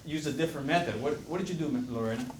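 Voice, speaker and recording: A man's voice: fairly high pitch, very fast, a little hiss or hum. A man teaching a math class who asks students questions and directs them through the work. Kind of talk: classroom instruction. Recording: echoey classroom with faint music.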